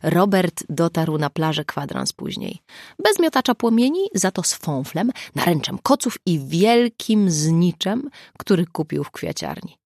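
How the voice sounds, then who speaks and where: A woman narrating an audiobook in an expressive storytelling manner. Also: on the low side, a little slow, dry recording, clean studio sound.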